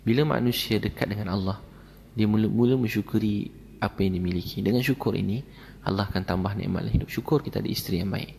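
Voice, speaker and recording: Gravelly low-voiced Malaysian preacher. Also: male voice, quick pace, darkish tone, slight background noise. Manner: repetitive, emphatic phrasing; addresses the audience directly. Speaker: Islamic preacher. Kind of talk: sermon with storytelling.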